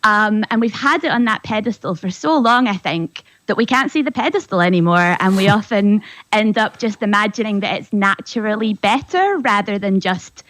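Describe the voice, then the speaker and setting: A woman's voice: medium pitch, lively intonation, moderate pace, fairly bright tone, no echo, poor audio. A woman linguist on a radio discussion, explaining patiently and often checking in with "right?". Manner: explanatory, tag questions, laughs lightly. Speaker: linguist guest.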